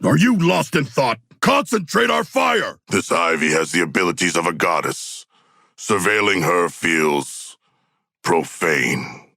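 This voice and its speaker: A man's voice: deep voice, sing-song, a little slow, vocal fry, pushed and bright, no echo, clean studio sound, full character voice. A man playing a huge humanoid shark warrior in a video game, earnest and literal-minded, with formal, stilted, grandiose diction and a battle-hungry pride. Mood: battle fervor, then solemn, dry. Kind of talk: video game character voice lines.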